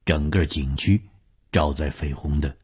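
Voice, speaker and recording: A man's voice: extremely low pitch, unhurried, darkish tone, husky. A man telling a long serialized story in a dramatic reading style, rising on tense moments.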